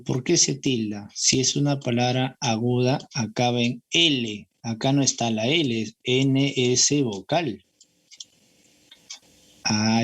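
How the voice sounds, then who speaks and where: A man with a Peruvian Spanish accent teaching an exam-prep grammar lesson in a classroom, repeating his points and checking in with students. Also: medium pitch. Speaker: language teacher.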